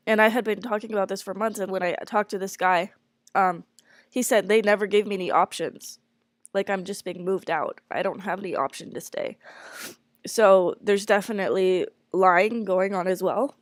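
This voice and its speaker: A congested woman speaks candidly about a stressful situation at work, hesitating often and filling her talk with fillers and restarts. Her voice sits at a medium pitch and moves at a normal speed. The studio-quality recording has no echo.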